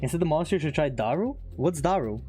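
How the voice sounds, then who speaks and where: Animated and quick, his slightly high voice carries a dark tone as he hosts a relaxed live trading stream. Not a native English speaker, he laughs readily and reads chat aloud while faint music plays in the background.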